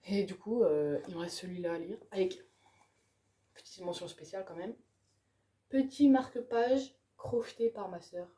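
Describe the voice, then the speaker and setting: French girl rambling about her to-read pile, super warm dark voice, excited and chatty. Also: medium pitch, moderate pace. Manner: chatty, enthusiastic, ends phrases with "quoi". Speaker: book vlogger. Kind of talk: casual chat about her reading pile.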